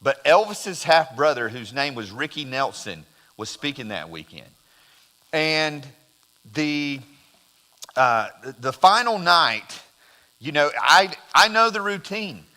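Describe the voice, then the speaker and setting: Male pastor, middle-aged, bright forward tone, folksy storyteller, sermon recorded with long church reverb. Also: mid-range voice, expressive, takes it slowly. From South Carolina. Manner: folksy storytelling, acts out quoted voices. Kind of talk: conversational sermon with personal stories. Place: church sanctuary. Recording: church live stream with long hall reverb.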